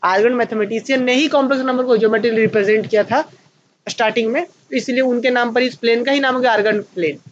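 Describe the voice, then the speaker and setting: A man with an Indian accent teaching a maths class, asking questions and answering them himself and slowing down to dictate notes. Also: very high-pitched, steady tone, highs cut off, slight background noise. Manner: slows right down to dictate notes. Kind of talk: online maths lecture at a whiteboard.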